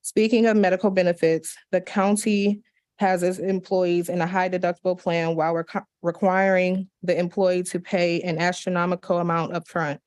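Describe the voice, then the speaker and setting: At the county commission meeting, a woman with a voice on the low side reads out public comment letters. She stays measured and steady, stumbling now and then into small slips and restarts.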